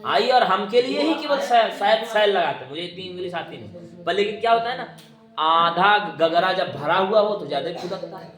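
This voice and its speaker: A man's voice: high-pitched, crowd noise. A male teacher explaining Sanskrit grammar in class, quizzing his students and having them repeat rules after him. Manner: drills students with call-and-response questions; chanting grammar rules slowly. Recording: echoey classroom.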